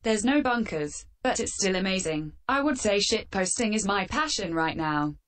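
Deadpan woman with a metallic voice filter. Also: medium pitch, normal speed. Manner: deadpan, sarcastic. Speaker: channel host answering fan questions. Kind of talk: scripted comedic Q&A.

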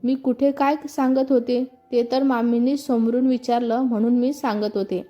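A woman voicing a cheeky young friend in a storybook reading, playful and quick to defend herself. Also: fairly high pitch, flat delivery, lo-fi sound, lightly acted. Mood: defensive.

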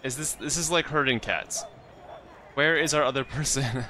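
A man's voice: medium pitch, moderate pace, pushed and bright, a little hiss or hum. A man casually commenting on his own gameplay as the host of a let's play, chatty and self-mocking, talking to the characters on screen.

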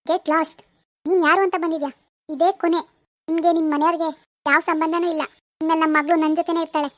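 A woman voicing a bossy, scornful middle-aged mother in an animated village drama. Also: very high-pitched, fast talker, no echo, studio quality. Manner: bossy, contemptuous.

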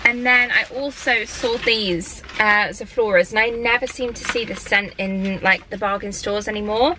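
Speaking at normal speed in a steady, sharp, mid-range voice, a lifestyle vlogger casually chats about her shopping haul while holding the camera at arm's length. She's upbeat and rambling, moving from a parked car to her bedroom. The audio is poor with slight background noise.

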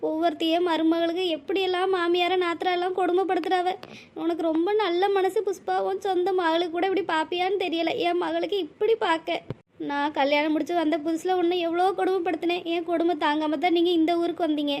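A woman's voice: very high-pitched, fairly even intonation, brisk, a little mellow, slight background noise. A woman voicing an anxious, tearful elderly mother in a cartoon, speaking with a pleading, emotional manner. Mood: grateful. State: crying. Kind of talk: cartoon voice acting.

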